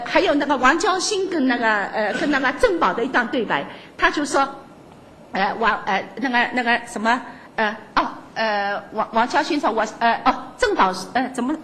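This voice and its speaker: An older woman giving a lively talk to an audience, laughing often and stumbling through fillers and restarts. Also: high-pitched, a little hiss or hum.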